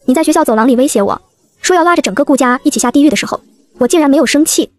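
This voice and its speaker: A woman's voice: high-pitched, rapid-fire, no echo, lightly acted. A woman voicing a remorseful rich young man. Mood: tender. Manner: soft, hesitant confession.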